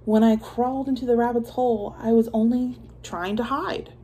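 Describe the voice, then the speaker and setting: A woman's voice: a little high, steady tone, moderate pace, warm tone, slight background noise, pitched above the performer's own voice, natural voice. A woman voicing a male python who makes indignant, pleading excuses in a read-aloud folktale.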